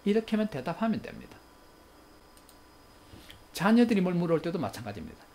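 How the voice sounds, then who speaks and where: Animated man giving a parenting lecture. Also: sits high, brisk. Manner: animated, acts out quoted family exchanges. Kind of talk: recorded lecture.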